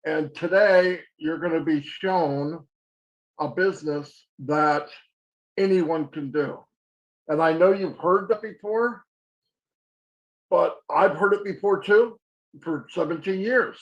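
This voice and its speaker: A man in his sixties, with a voice a little higher than most men's, presents as a guest speaker on a video call. He talks plenty, jokes about himself, and restarts his sentences as he goes. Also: slow pace, long pauses, lo-fi sound. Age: 60s. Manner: chatty, self-deprecating, restarts sentences. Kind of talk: casual presentation.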